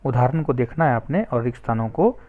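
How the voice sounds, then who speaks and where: A man's voice: mid-range voice, expressive, quick pace. A man teaching Sanskrit, patiently spelling words out letter by letter. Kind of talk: slow explanatory lesson narration. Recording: tinny phone-like sound.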